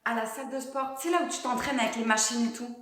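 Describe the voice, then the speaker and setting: A woman's voice: on the high side, fairly even intonation, quick pace, fairly bright tone, reverberant, lightly acted. A woman's text-to-speech voice playing a fed-up, suspicious young partner and mother in a scripted story. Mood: defensive.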